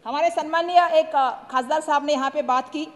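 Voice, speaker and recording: A woman delivers an emphatic parliamentary speech in a high voice, returning again and again to address the chair. Her words ring out in a large chamber with a long, echoey reverb. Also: steady tone, a little fast, a bit bright. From Maharashtra. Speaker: member of parliament.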